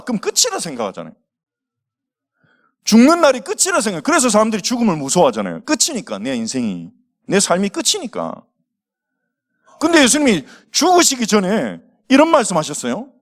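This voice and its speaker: A man's voice: sits high, huge pitch swings, brisk. A male pastor preaching to young people, telling the story with acted quotes and asking the audience questions. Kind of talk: sermon to teenagers.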